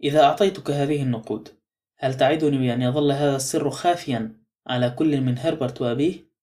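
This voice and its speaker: A man's voice: mid-range voice, fast talker, mellow, natural voice. A man reading the lines of a frail, lonely, remorseful elderly woman in an audiobook, his speech trembling and pleading. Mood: regretful.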